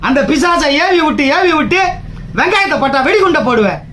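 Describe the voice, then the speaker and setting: A man's voice: very high-pitched, animated, a little fast, sharp tone, slight background noise. A man from Tamil Nadu leading a trade union, giving a combative, taunting political speech full of rhetorical challenges.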